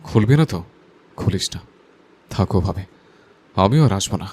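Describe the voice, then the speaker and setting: An actor playing a hot-tempered, jealous young man in an audio drama, pleading and shouting through a door. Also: mid-range voice, normal speed, breathy edge, lightly acted. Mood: furious. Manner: pleading then shouting threats.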